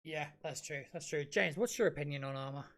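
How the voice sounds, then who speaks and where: Bright keen podcast host, rambling gamer chat, lots of restarts. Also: mid-range voice, fairly quick. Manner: excited, rambling, many restarts. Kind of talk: casual gaming podcast chat.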